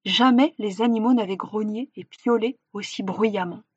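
A woman reading a storybook aloud with expressive narration that slows for effect. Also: medium pitch, slightly rough, dry recording. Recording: dull, dry recording.

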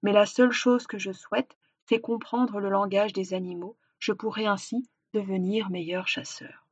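A woman's voice: steady tone, normal speed, husky, no room sound, close to an everyday voice. A woman reading a storybook, voicing a young male village hunter who pleads in a raised voice. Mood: earnest. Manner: pleading, raises voice high and loud. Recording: dull, dry recording.

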